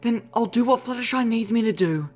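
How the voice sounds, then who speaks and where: A man voicing a gentle but resolute young unicorn mare healer in an audiobook reading, soft and earnest, firm when she makes up her mind. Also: extremely high pitch, brisk, soft background music, pitched above the performer's own voice. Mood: grave resolve. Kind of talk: audiobook character voice.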